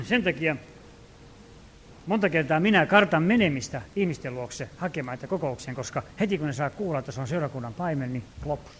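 A man with a notably high voice delivers a sermon as a pastor. He preaches earnestly, rising to loud calls and dropping to quiet, hushed asides. He acts out the prayers and commands he quotes. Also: animated, slight background noise.

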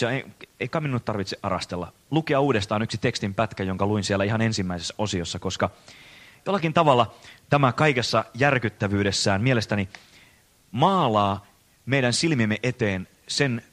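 A man preaching a sermon in an earnest, measured way, slowing down to stress key phrases. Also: lowish voice.

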